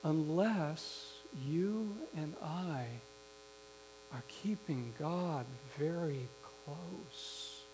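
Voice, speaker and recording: Man, pastor, sermon, slow unhurried delivery, faint mains hum. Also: fairly high pitch. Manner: slow, reflective preaching with restarts and anecdotes.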